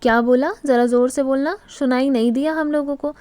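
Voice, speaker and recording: A woman's voice: sits high, steady tone, brisk, a little mellow, no room sound, lightly acted. A woman doing a feisty scolding grandmother. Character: sharp-tongued older grandmother-in-law, feisty.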